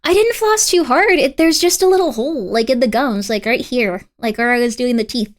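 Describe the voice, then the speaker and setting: Playful, high-voiced woman streaming. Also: fairly quick. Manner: animated, repeats phrases for emphasis. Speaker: VTuber livestreamer. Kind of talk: casual livestream chat.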